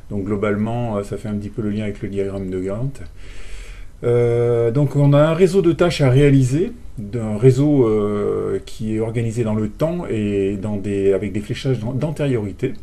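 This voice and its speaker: Mellow-voiced man giving a hesitant lecture. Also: on the low side. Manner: hesitant, many fillers and restarts. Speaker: online course instructor. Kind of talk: recorded online lecture.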